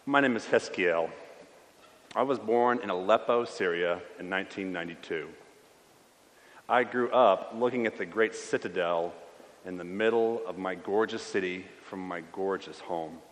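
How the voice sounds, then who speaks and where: Man voicing a young refugee priest, wistful, tired, lowish voice, echoing church. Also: normal speed, natural voice. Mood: weary. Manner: wistful, weary first-person confession. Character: young male Syrian priest stranded as a refugee. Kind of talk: sermon monologue in character. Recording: long church reverb.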